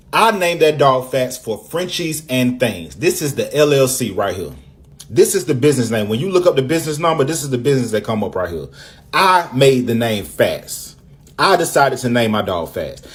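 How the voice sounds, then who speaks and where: In a casual storytime to camera, the vlogger rebuts claims one point at a time, sounding emphatic and defensive. His voice is mid-range and husky.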